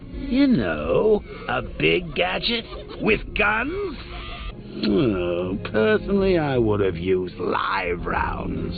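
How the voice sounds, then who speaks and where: An actor playing a gleefully sadistic, taunting clown villain in a video game, with a gravelly voice and a mocking, theatrical delivery. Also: male voice, phone-quality sound, heavily acted. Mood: sardonic. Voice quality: gravelly, creaky voice with shrill swoops.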